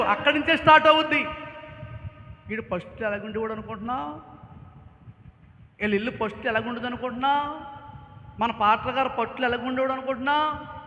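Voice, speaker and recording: High, bright-voiced pastor in echoing hall. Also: male voice. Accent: Telugu-speaking Andhra. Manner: exhorting the congregation to shout hallelujah; shifts between loud calls and quiet scolding asides. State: tired. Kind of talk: Pentecostal sermon. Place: church hall. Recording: echoey, dull church hall recording.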